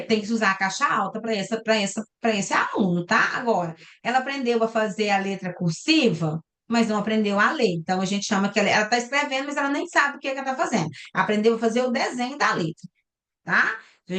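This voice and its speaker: A woman's voice: on the high side, a bit bright. A Brazilian Portuguese woman teaching a recorded online class over a video call, explaining step by step and checking in with her students. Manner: explains step by step, often ending with "tá?" and "né?". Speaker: lecturer. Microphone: computer mic on a video call.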